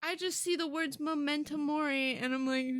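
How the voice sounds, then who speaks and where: A woman streamer chatting casually with her viewers while she draws, excitable, swearing often and laughing a lot. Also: high voice, dry recording, studio quality. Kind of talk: casual livestream chat while drawing.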